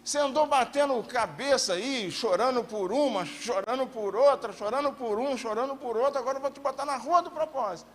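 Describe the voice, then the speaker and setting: A man's voice: very high voice, a little fast, hardly any pauses, fairly bright tone, slight background noise. A Brazilian man preaching a sermon as pastor, impassioned, calling out for amens from the congregation. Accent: Brazilian Portuguese. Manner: impassioned, calls for amens, acts out God's voice.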